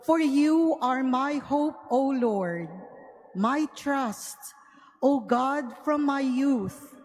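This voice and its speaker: Female lector, high voice, extremely slow solemn psalm phrases, long church reverb. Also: expressive, darkish tone. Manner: short, separated phrases. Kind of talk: solemn liturgical psalm reading. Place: large cathedral, microphone through sound system. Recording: cathedral reverb, faint background noise.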